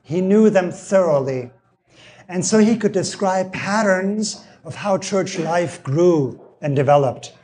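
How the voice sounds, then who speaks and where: A man giving an evening theology lecture while losing his voice, often clearing his throat and restating his phrases. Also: high-pitched, lively intonation, takes it slowly, darkish tone. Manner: explains by restating phrases and asking "see?".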